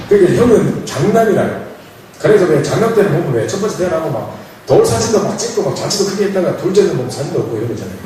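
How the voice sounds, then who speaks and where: Lively pastor in an echoey hall. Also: male voice, fairly high pitch, a little hiss or hum. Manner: animated, playful, acts out dialogue with laughs. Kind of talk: storytelling sermon. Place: church hall. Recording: echoey hall, mic from far off.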